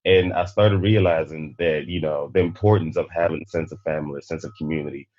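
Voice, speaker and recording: A man born in Nigeria, hosting a panel discussion and speaking in a measured, reflective way. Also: very deep voice, steady tone, darkish tone, no room sound, dull audio. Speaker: podcast host.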